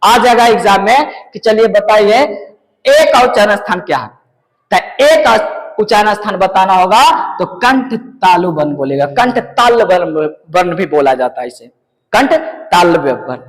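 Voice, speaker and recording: A man's voice: high voice, lively intonation, unhurried. A man teaching a grammar lesson to students, asking questions and answering them himself and sounding out letters one by one. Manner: asks questions and answers them himself, repeating key points. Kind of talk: classroom-style lesson to students. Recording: long reverberant room.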